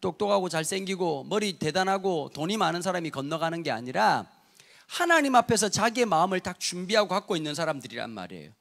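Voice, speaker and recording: High, lively pastor preaching a sermon. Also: male voice, fast, creaky. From Busan, South Korea. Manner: lively humorous storytelling, addresses congregation.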